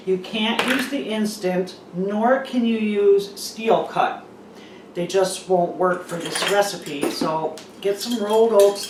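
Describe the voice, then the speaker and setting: A woman's voice: mid-range voice, a little hiss or hum. A woman hosting a cooking video, chatting casually through a recipe in a half-packed kitchen with a big echo. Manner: chatty, relaxed, with fillers. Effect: big echo of a bare kitchen. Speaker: cooking channel host. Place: half-packed, empty-sounding home kitchen. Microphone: camera mic from a distance. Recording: echoey room, voice far from the mic.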